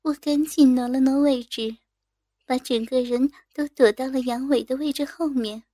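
Woman storyteller, high mellow voice, intimate unhurried reading, dry close recording. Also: steady tone, dry recording. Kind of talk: first-person story reading.

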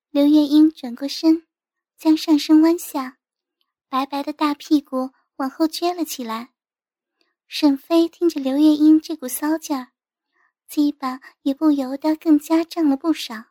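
A woman reading a story as narrator in a steady, even manner. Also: high-pitched, dry recording, studio quality. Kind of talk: scripted narration.

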